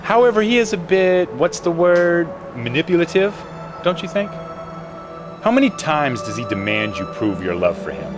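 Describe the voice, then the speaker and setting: A man's voice: on the high side, sing-song, moderate pace. An actor playing the devil as a persuasive, mocking salesman in a short film, with music behind. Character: smooth-talking male devil posing as a salesman, scornful of humanity.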